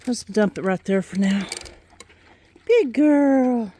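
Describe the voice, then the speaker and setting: A woman's voice: fairly high pitch, expressive, slow, warm tone, slight background noise. A woman talking to her viewers and animals while doing outdoor farm chores on a handheld phone, with sing-song calls to her animals and a bit out of breath. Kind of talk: casual vlog narration while feeding animals. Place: outdoors on a small farm with goats, pigs and chickens.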